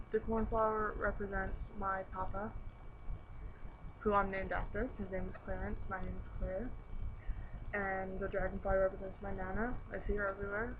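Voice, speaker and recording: A young woman chatting casually and candidly to camera, her speech slightly impeded by a dental retainer. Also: medium pitch. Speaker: vlogger. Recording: noisy, dull narrow-band home recording.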